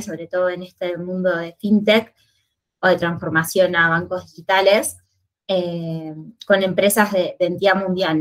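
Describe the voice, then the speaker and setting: A woman, co-hosting a podcast and asking questions in a measured, curious way. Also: fairly low pitch, poor audio. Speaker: podcast co-host. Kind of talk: podcast interview.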